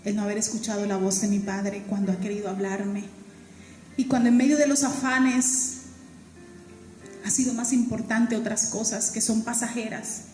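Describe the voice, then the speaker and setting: A woman's voice: mid-range voice, level tone, moderate pace, mellow, faint music behind. Woman pastor, Colombian coastal accent, fervent sermon delivery, roomy hall reverb. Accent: Colombian Caribbean Spanish. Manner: fervent, emphatic, repeats phrases, draws words out. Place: church hall. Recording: echoey church hall with long reverb.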